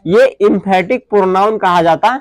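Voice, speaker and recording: In clean studio audio without echo, a male grammar teacher with a high-sitting voice gives a classroom lesson in a blend of Hindi and English. He keeps asking questions and answering them on his own, and he reads definitions out slowly, word by word.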